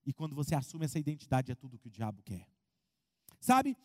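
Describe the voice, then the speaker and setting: A man preaching a sermon as pastor, in an animated way. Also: medium pitch, brisk, in a large hall. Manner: animated preaching, acts out congregants' voices.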